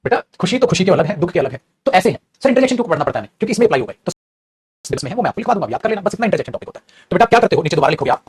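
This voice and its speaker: Male teacher, fast talker, slightly high voice, classroom grammar lesson, repeats and drills. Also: very animated, husky. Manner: addresses students as beta, repeats and drills, switches between languages. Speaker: English teacher.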